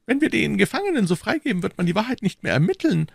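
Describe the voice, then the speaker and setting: A man's voice: high-pitched, big pitch swings, fast, vocal fry, slightly rough, dry recording, clean studio sound, pitched above the performer's own voice, heavily acted. A man voicing a scheming older male cardinal who speaks in a sly, ingratiating courtly way.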